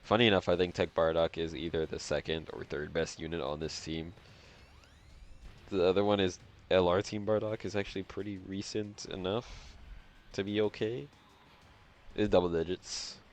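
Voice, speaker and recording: A congested gaming host, nose blocked and breathing through his mouth, talks through gameplay in a relaxed, slangy way, muttering repeated phrases. His voice sits low, with fairly even intonation and a moderate pace.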